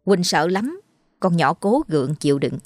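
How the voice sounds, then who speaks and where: A woman narrating a ghost story in a slow, mournful storytelling manner. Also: lowish voice, very animated, darkish tone, no room sound, soft background music.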